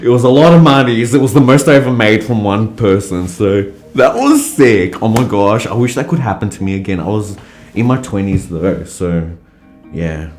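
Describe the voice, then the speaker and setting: A man's voice: lowish voice, expressive, moderate pace. Candid young man telling a story. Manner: candid, loose, swears freely, lots of fillers. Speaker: interviewee. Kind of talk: casual storytelling. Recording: roomy sound with faint background music.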